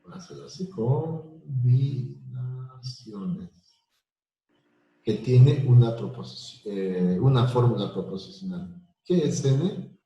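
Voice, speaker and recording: A man teaching a live online math lesson, explaining slowly with repetitions and everyday examples. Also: mid-range voice, expressive, gravelly, warm tone, dull audio. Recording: very echoey room.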